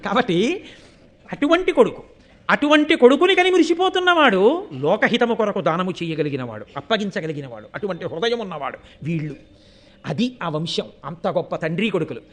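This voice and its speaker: Male religious orator, very high pitch, animated storytelling with chanted verses, loud stresses dropping to hushed asides. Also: fairly quick. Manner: swings between loud emphasis and hushed asides. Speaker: spiritual discourse speaker. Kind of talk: religious discourse on scripture.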